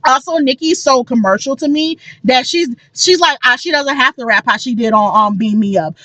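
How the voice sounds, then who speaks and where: A woman's voice: sits high, brisk, a bit bright, no room sound. A woman in her twenties co-hosting a podcast, ranting in casual chat with passion and lots of swearing. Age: 20s. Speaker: podcast co-host.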